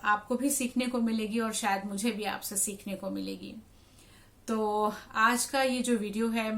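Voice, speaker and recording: A woman who works as a radio jockey, talking to camera in a measured, advisory way and repeating phrases for emphasis. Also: mid-range voice, fairly bright tone. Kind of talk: instructive talk to camera.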